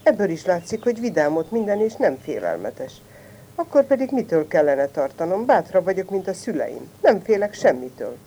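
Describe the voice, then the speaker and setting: A woman's voice: fairly low pitch, big pitch swings, highs cut off, slight background noise. A woman voicing a small, boastful but cowardly fox cub in a storybook tale, talking big and stammering when scared. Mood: musing. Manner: brags loudly, then stammers with fright.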